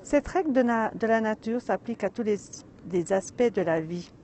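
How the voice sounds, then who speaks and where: A woman hosting a live vlog outdoors in a mountain village. She greets viewers and reads a short tale in a chatty, unhurried way. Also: a little high, lively intonation, a little mellow, slight background noise. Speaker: vlogger and storyteller. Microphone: phone or camera.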